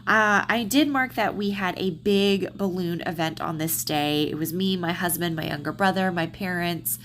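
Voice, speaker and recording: Speaking at a normal speed, a slightly congested Texan woman with a Southern accent narrates her planner voiceover in a casual way, stumbling through plenty of ums and restarts. Her voice sits on the low side with a fairly bright tone, and there's slight background noise.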